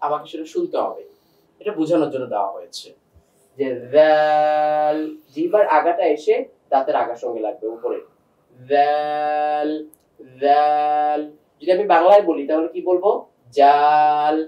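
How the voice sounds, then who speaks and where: A man gives a pronunciation lesson, stretching each sound and saying it again and again. His voice sits a bit high for a man. He is recorded from some distance in a room with a noticeable echo. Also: darkish tone. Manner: patient, repeats and drags out sounds to demonstrate. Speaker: teacher. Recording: echoey room, voice set back from the mic.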